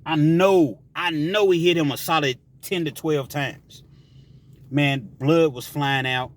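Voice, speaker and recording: A man telling a story from prison life in a casual, emphatic way, with shouted sound effects. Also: fairly high pitch, slow.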